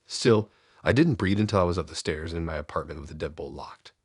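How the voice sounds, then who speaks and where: A man reading a scripted first-person horror story in a low, measured storytelling delivery. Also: slightly rough, dry recording, clean studio sound.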